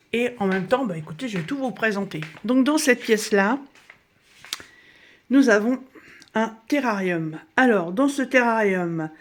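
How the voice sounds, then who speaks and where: A middle-aged woman with a slightly hoarse voice gives a casual home tour, chatting to her viewers. She talks in a halting, friendly way, full of small fillers and restarts. Her pitch sits in an ordinary middle range for a woman. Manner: chatty, hesitant with many fillers. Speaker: crafts vlogger giving a room tour. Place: dining room at home, indoors.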